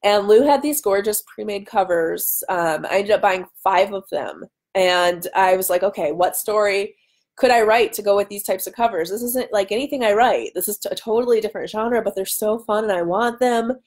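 Speaking in a mid-range, darkish voice at normal speed, a woman in her thirties hosts a live chat as an author, answering questions from viewers. Her talk is chatty and full of self-interrupting tangents, captured by an arm's-length webcam in her home dining room.

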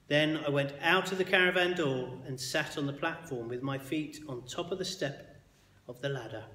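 A man reading a children's book aloud as a bedtime story, expressive and sometimes dropping to a hush. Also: mid-range voice. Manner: expressive, with hushed quiet passages. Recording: echoey hall with long reverb.

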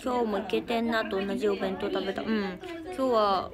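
A woman's voice: medium pitch, steady tone, brisk, a loud crowd. A teenage girl with a Kansai accent chatting casually on a livestream, reading out viewer comments and thanking fans. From Japan. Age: teens. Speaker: idol livestream host.

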